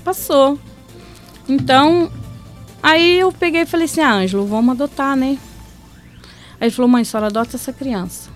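Woman, middle-aged, heartfelt storytelling, slightly high voice, faint background music. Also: fairly quick, long pauses. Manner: heartfelt, drops soft and low then lifts bright. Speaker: interviewee. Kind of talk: emotional personal storytelling.

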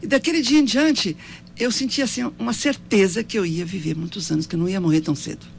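A woman's voice: medium pitch, quick pace, vocal fry. A woman in her seventies with a Brazilian accent, telling her life story in an interview in an earnest, devout way, often ending with tag questions. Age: 70s.

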